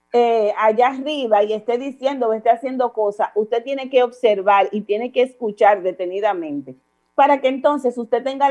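A woman with a Dominican accent speaks in a somewhat high register, calm and didactic. She explains parenting steps patiently, using repeated examples. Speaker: parenting counselor guest. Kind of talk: advice talk on a radio or online show.

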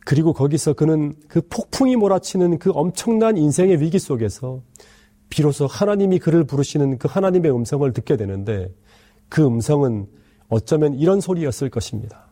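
A male pastor giving an earnest sermon, pleading with the congregation and letting his sentence endings fall soft and low. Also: animated, a little fast.

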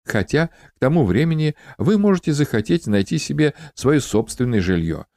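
A man's voice: medium pitch, sing-song, moderate pace, no echo, voice pushed up. A man voicing a cheerful, hospitable widowed uncle with greying hair and a pleasant voice, in an audiobook. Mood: welcoming. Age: middle-aged. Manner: warm, welcoming, talkative.

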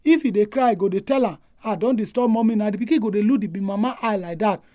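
A Nigerian man gives a pastor's talk in Nigerian Pidgin. His voice is soft-edged and mellow, recorded very dry with no room sound. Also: high voice, fast talker, no echo. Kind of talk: family-life sermon.

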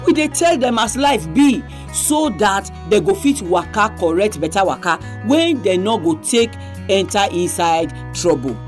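A woman's voice: medium pitch, animated, measured pace, a little mellow. Nigerian Pidgin woman radio host, music behind. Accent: Nigerian, speaking Nigerian Pidgin.

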